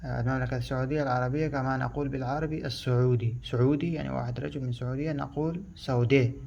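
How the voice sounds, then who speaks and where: A man who speaks Pashto natively, teaching a language lesson in Arabic, explaining slowly, haltingly and with a lot of repetition. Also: medium pitch, fairly even intonation, creaky, a little mellow, dull audio, slight background noise.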